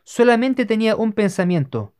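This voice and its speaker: Steady measured reader of religious history. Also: medium pitch, clear, resonant tone. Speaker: narrator. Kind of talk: scripted narration of religious history.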